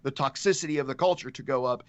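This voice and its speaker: A man's voice: mid-range voice, fast, no echo. A man co-hosting a casual podcast discussion, talking earnestly and speeding up as he makes his points. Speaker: podcast co-host.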